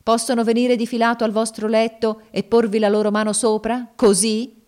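A scornful, mocking woman taunts her master with icy sneers, as a woman reader puts her on. The voice rises high and pushes loud on each jab. It is a dramatic audiobook performance. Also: level tone, moderate pace, lightly acted. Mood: mocking, taunting.

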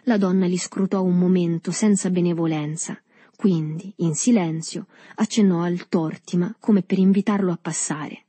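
Brief: husky female narrator, calm and measured, dry close sound. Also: on the low side, no echo. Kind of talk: audiobook reading of a novel.

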